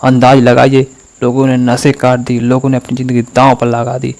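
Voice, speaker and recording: A man delivering a motivational talk with a gravelly edge to his voice. His pitch stays very flat even as he speaks straight to the listener, acting out examples to press his points home. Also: normal speed, low-quality recording. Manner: speaks directly to the viewer, dramatizing examples.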